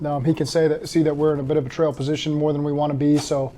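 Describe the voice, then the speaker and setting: Fast-talking man with a dark, even voice. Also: a little high, slight background noise. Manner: steady, matter-of-fact coaching talk. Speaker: head coach. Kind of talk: interview answers and film breakdown.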